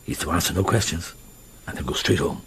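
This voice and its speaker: An actor playing a patient, perceptive police inspector in a radio drama, hesitant, avuncular and probing. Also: male voice, sits low, brisk, fairly bright tone, slightly rough, exaggerated voice. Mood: quietly urgent.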